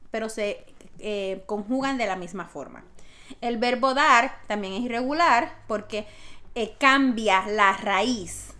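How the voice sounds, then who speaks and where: Woman, teacher, patient, step-by-step explanations, slightly high voice. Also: fairly bright tone. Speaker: Spanish teacher. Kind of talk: classroom grammar lesson.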